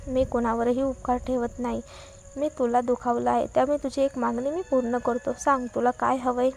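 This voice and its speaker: A woman's voice: fairly high pitch, little pitch movement, normal speed, vocal fry, darkish tone. A woman voicing a cold, stern wealthy man who gives harsh commands.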